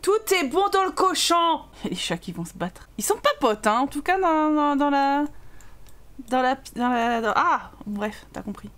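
A young woman giving casual commentary while playing a life-sim game, animated and exclaiming, swearing when things go wrong. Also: high voice, moderate pace. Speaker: gaming YouTuber. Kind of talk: casual let's-play commentary.

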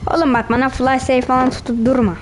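A woman's voice: high-pitched, level tone, quick pace, over music. A woman commenting on her own gameplay, teasing and trash-talking the other players as she goes. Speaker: gamer.

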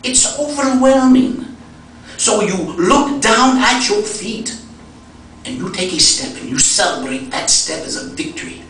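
A gentle, preachy Ethiopian friend, put on by a man with a lilting Ethiopian accent and a high, lively voice. He drags out his words slowly and with emphasis, like a little sermon. The sound bounces around a big echoey hall, picked up from afar. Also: a little hiss or hum. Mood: preaching. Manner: slow, sing-song, emphatic. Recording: echoey hall, distant mic.

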